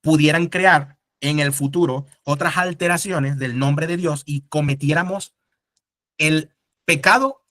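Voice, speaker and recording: Higher-pitched man teaching a class. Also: measured pace, pushed and bright, no room sound, clean studio sound. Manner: explanatory, asks the class rhetorical questions. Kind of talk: casual classroom lecture.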